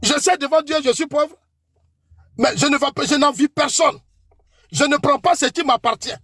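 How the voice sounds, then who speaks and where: A man's voice: very high-pitched, normal speed, fairly bright tone, dry recording, clean studio sound. A man with an Ivorian French accent in a heated political debate, accusing his opponent by name and warning him before God. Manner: preachy warnings invoking God.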